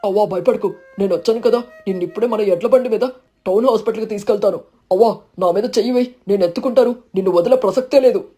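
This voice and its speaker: A woman's voice: medium pitch, warm tone, slightly rough, soft background music, lightly acted. A woman doing a kind young village husband. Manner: quick, reassuring, firm. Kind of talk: storybook narration.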